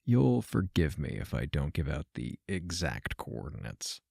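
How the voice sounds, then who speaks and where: With a very deep, gravelly, dark voice, a man gives a full character performance, very animated yet measured, with no echo. His role is a wry, self-deprecating computer scientist in an audio drama, and the first-person podcast monologue he delivers is dry, confessional and reflective.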